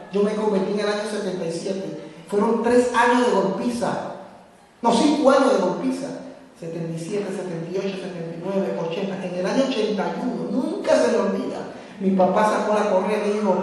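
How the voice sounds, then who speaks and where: A man's voice: sits high, fairly quick, a little mellow, slight background noise. A man in his fifties preaching a sermon in a church, speaking with passion and turning straight to the congregation. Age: 50s. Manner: impassioned preaching, addresses the congregation directly. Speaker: pastor. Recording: very echoey church hall, mic far off.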